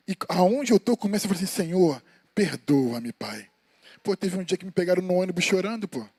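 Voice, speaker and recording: A Brazilian man preaches an informal sermon, swapping between exhortation and chatty personal anecdotes. His voice sits high for a man. The sound is dry, with little room echo. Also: slightly rough. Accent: Brazilian Portuguese. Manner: colloquial, storytelling, addresses listeners as brothers. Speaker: evangelist preaching. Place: church sanctuary.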